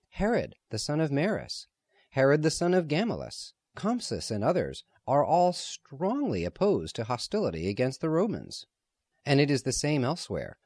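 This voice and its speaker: A man's voice: a little high, darkish tone, husky, dry recording, clean studio sound, pitched above the performer's own voice, heavily acted. A man reading the part of a grave, cautious man who warns gloomily about war. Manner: grave, measured.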